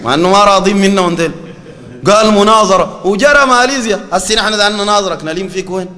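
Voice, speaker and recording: A man with a Sudanese Arabic accent giving a colloquial sermon, animated and mocking, often quoting scripture. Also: sits high, racing, long reverb tail. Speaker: preacher.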